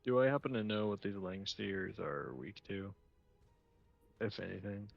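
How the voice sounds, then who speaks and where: Gravelly low man, dull dry mic. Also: expressive, a little slow, soft background music. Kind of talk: tabletop role-play chat.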